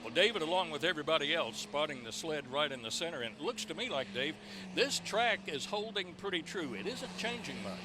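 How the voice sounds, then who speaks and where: Tractor pull announcer guy, kinda high voice that moves up and down a lot, noisy track behind. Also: animated, brisk. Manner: presentational, introducing and recapping. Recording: noisy outdoor track with engine noise. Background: outdoor ambience and vehicle engines.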